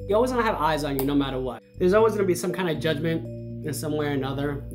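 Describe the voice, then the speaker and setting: A man's voice: a little high, fast. A man, a photographer, speaking candidly and reflectively in a casual interview. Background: guitar music.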